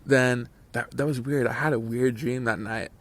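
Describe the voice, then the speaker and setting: This man in his twenties hosts a channel and spins a lengthy story over gameplay, casual and meandering, with frequent fillers and restarts. He speaks at a moderate pace in a medium-pitched voice with a steady tone.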